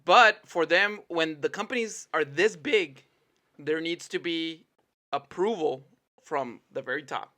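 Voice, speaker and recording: A man's voice: a little high, measured pace, sharp tone. A man co-hosting a podcast in casual chat, telling a story with emphatic outbursts. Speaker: podcast co-host.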